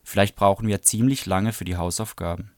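A man's voice: sits low, steady tone, a little fast, no room sound, studio quality, lightly acted. A man reading aloud, voicing a timid, cautious new schoolboy in a mild, hesitant way.

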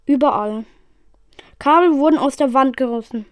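A woman reading an adventure novel aloud in a steady storytelling manner. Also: sits high, normal speed, no room sound, clean studio sound. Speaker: reader.

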